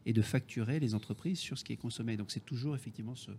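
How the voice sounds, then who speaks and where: A man's voice: mid-range voice, rapid-fire, darkish tone, a little hiss or hum. A man with a Parisian French accent explaining things as a business guest in a panel discussion, repeating key phrases for emphasis. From Paris region, France. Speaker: business executive, guest on the show.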